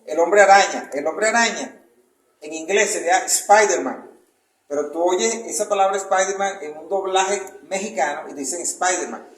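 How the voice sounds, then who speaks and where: A man with a Venezuelan Spanish accent giving an informal talk as a chronicler, rambling and searching for words, often checking that his listeners follow. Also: high-pitched. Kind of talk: informal lecture with questions. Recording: echoey room with faint noise.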